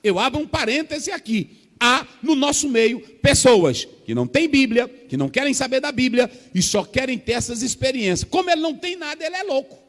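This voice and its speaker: Animated Brazilian pastor in an echoing church. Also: male voice, very high voice, fairly quick. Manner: animated, acts out scenes with voices. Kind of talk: Pentecostal sermon.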